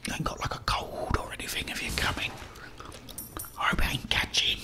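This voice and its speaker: Over loud music, a middle-aged British man streams a game from a small indoor room, whispering rambling, apologetic ASMR commentary at a fairly quick pace.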